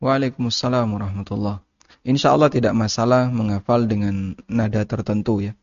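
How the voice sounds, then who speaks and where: A man teaching a religious study session, answering questions in a calm, explanatory way with informal asides. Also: on the low side, normal speed, no room sound. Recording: dull muffled dry recording.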